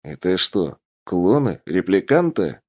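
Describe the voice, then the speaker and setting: A man doing a calm shrewd male fighter. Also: deep voice, full character voice. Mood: measured. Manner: measured, reasoning, explanatory. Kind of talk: audiobook character voice.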